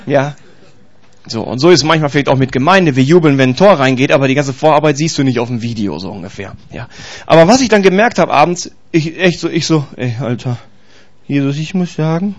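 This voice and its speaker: A man preaching a casual, slangy sermon, acting out little scenes as he talks. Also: high-pitched. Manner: animated, acts out little scenes and voices.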